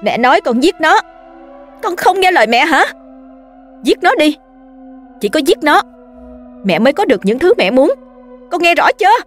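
A woman voicing a frantic, cruel young mother who wails and pleads in a shrill voice. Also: sing-song, slow pace, long pauses, pushed and bright, faint music behind, heavily acted. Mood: harsh. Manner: shrill, wailing.

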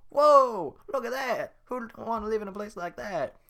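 An excitable male talking donkey, all high squeals and big, bouncing swings in pitch, as a man puts him on. He babbles on loudly and eagerly, like an overexcited cartoon sidekick. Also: lightly acted. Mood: gushing. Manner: high, loud, fast-babbling, over-eager.

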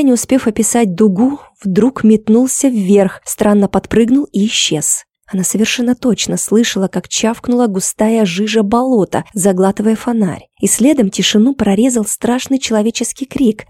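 Woman reading a tense story aloud, warm low-key voice, steady. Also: slightly rough, no room sound, clean studio sound. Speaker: audiobook narrator. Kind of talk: scripted narration.

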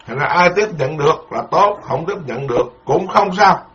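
Man, Buddhist monk, dharma lecture, repetitive and emphatic, fairly high voice, muffled lo-fi recording. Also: lively intonation, moderate pace, crowd noise. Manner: repetitive, folksy, emphatic with proverbs.

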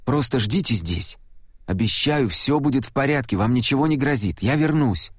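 A man reading an audiobook, voicing a protective, tense teenage boy who leads the group, speaking slowly and with weight. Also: medium pitch, animated, husky, no echo, clean studio sound. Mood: earnest. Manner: slow, weighty, earnest delivery.

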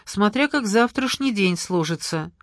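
A light, ironic husband in an audiobook, voiced by the narrator, teasing and good-natured. Close, dry sound. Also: male voice, high voice, lively intonation, a little slow, a bit bright, no echo, exaggerated voice. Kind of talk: audiobook character reading.

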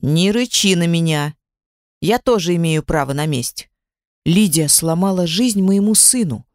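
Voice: medium pitch, expressive, measured pace, no echo, lightly acted. A reader voicing an insistent, guilt-ridden grandmother in an audiobook, with a dry close sound. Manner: sharp, insistent.

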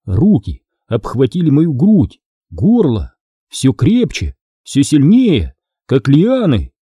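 Guy reading an audiobook, deep dark husky tone, really expressive. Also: slow, no room sound. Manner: expressive storytelling. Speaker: audiobook narrator. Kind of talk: scripted narration.

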